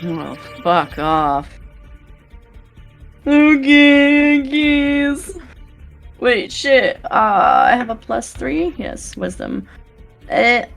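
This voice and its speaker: Slow-paced woman playing a tabletop game. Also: a little high, huge pitch swings, gravelly, soft background music. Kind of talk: casual game chat, describing character actions.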